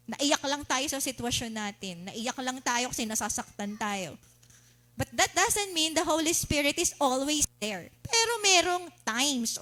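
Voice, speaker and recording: A woman with a Filipino accent preaching a sermon, asking the congregation questions and mimicking excited worshippers. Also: sits high. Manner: animated, asks the congregation questions, laughs, mimics shouting worshippers.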